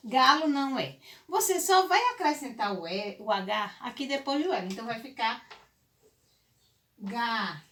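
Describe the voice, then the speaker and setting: Patient teacher woman, a bit high. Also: expressive, fairly bright tone. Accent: Brazilian Portuguese. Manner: slow, patient, spells out syllables and checks with "certo?". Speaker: primary school teacher. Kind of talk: recorded remote lesson for young children.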